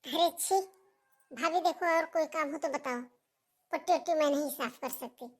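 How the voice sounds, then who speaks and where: A woman's voice: high-pitched, moderate pace, lightly acted. A woman playing a sneering young sister-in-law. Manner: sneering, dismissive. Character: sharp-tongued young sister-in-law, lazy and contemptuous. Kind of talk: family melodrama acting.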